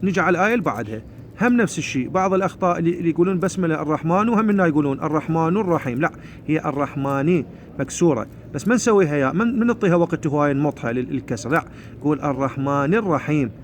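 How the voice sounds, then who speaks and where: A man with an Iraqi Arabic accent and a fairly high voice teaches Quran recitation. He explains plainly and recites each verse slowly. There is a faint hiss of noise behind him. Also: lively intonation. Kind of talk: spoken tajweed lesson.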